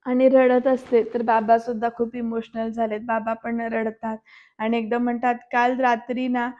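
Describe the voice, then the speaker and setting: A woman with a fairly high, mellow voice narrates a voice-over recap of a serial episode in a completely flat tone at a moderate pace, walking through the story scene by scene and often addressing viewers directly. The audio sounds dull.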